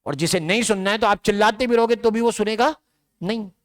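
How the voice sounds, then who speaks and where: A man with a slightly high voice teaches biology to a large classroom, speaking. He lectures in a loose, talky way and keeps checking in with his students through rhetorical questions. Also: brisk.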